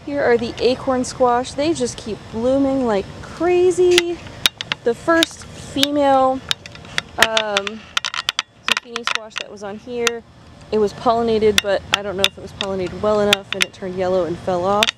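Strolling through her backyard vegetable garden, a woman vlogger points out plants one at a time in a chatty, casual way. Her voice is fairly high and her pace measured. It's filmed outdoors on a handheld phone camera as she walks, with very noisy sound.

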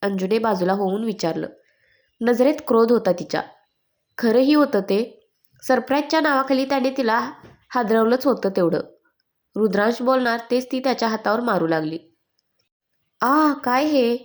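A woman reading a romance story aloud as storyteller, with steady, expressive narration. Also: fairly high pitch, moderate pace.

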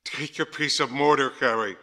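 Frightened parson , a man voicing him, pitched well up, bright and forceful, storybook. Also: sing-song, moderate pace. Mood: horrified. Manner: exclaiming, pitched up. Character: frightened middle-aged male parson.

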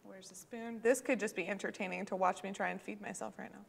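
A woman's voice: mid-range voice, fairly even intonation, quick pace, creaky. A woman co-hosting a livestream in casual chat, passing on viewer comments. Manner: chatty, relays viewer comments. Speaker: co-host.

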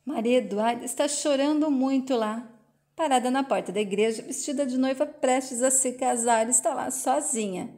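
Woman, narrator, higher voice, plain play-by-play retelling of a soap scene. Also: normal speed, mellow. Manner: plain, present-tense play-by-play.

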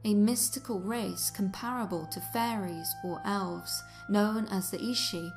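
A woman reading a scripted documentary narration in a measured, formal and articulate way. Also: mid-range voice, darkish tone. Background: music under the voice.

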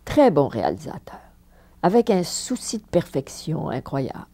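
In a whispered, low voice at normal speed, an older Parisian actress recalls her career during a seated interview indoors, in a living room with a fireplace. Her manner is animated and emphatic, with frequent laughter and repeated words for stress.

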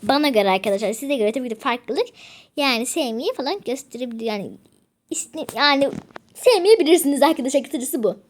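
A woman's voice: high voice, expressive, a little fast. A teenage girl chatting casually over a mobile game she is playing, talking straight to her viewers. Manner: chatty, keeps saying "friends", begs for subscribers; whispers to avoid waking her father. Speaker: gaming vlogger. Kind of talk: casual gameplay commentary.

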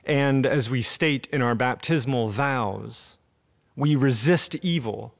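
A man in his thirties preaches a sermon at a podium mic in an empty church sanctuary. His delivery is earnest and measured, with deliberate pauses. His voice sits in an ordinary middle register. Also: medium pitch, vocal fry. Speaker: pastor. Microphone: podium gooseneck mic.

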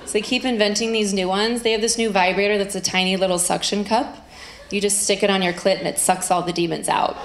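A woman performing stand-up comedy into a stage microphone, with dry, conversational joking and drawn-out punchlines, to audience laughter. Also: medium pitch, fairly even intonation. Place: live comedy venue. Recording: roomy live stage sound with crowd noise.

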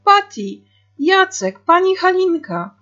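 A woman voicing a young girl who shouts and squeals with joy in a storybook reading. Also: extremely high pitch, sing-song, slow pace, highs cut off, voice pushed up, full character voice. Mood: overjoyed. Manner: shrieking names with joy. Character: young girl, excited and loud.

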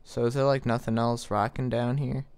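A man's voice: mid-range voice, little pitch movement, moderate pace, a little mellow, clean tone. Swearing young man playing a game. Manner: frustrated, swearing, sarcastic. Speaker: gaming commentator. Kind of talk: casual gameplay commentary.

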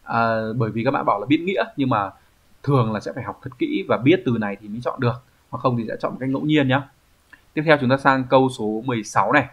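A man's voice: medium pitch, fast talker, a bit bright, breathy edge, highs cut off. A man teaching, walking through exam answers one by one and often checking with the listener, "right?". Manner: explanatory, asks rhetorical checks like "right?". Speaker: Japanese language teacher.

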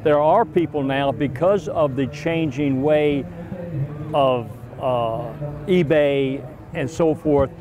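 A man's voice: on the high side, slow pace. An American man in his sixties explaining his trade in an interview. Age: 60s. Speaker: auction professional. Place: outside an event tent. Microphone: lapel. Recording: outdoor interview with crowd behind.

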